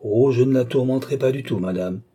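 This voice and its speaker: A man voicing a calm, discreet young court surgeon. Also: medium pitch, fairly quick, breathy edge, voice pushed up, natural voice.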